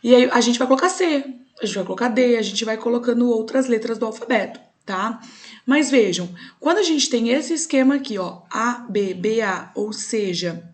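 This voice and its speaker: A woman's voice: fairly high pitch, animated, moderate pace, darkish tone. A young adult woman with a Brazilian Portuguese accent, teaching a recorded online class and explaining step by step, often checking in with "tá?".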